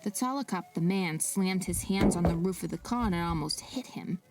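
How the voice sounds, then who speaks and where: A woman's voice: fairly low pitch, normal speed, far from the mic, loud music behind the voice. A woman narrating a fictional mystery as its protagonist, with wry, sarcastic asides. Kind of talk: scripted drama narration.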